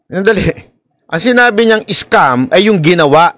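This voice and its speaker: A man from the Philippines gives casual commentary in a high, lively voice. He talks straight to his viewers and laughs often. The recording is dry and close. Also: moderate pace, no room sound. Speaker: political commentary vlogger.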